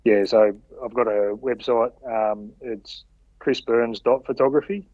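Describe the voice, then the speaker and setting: A man appears as a podcast guest, chatting in a laid-back, colloquial way and giving brief answers in a casual interview. His medium-pitched voice is mellow and steady, at a measured pace. The dry, radio-like audio sounds slightly dull, with no room sound.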